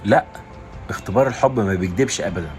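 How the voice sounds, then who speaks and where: A woman's voice: rumbling low, quick pace, a little mellow, faint music behind, voice pushed down. A woman voicing a blunt young boyfriend with an Egyptian accent, who talks matter-of-factly. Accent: Egyptian Arabic.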